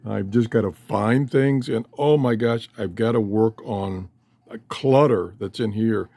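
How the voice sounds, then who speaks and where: Low, dark and creaky, the older man's voice comes a little slow, with no echo. He hosts a shortwave radio hobby channel from a cluttered room downstairs in his home, filming on a handheld cell phone and rambling casually and folksily while often interrupting himself.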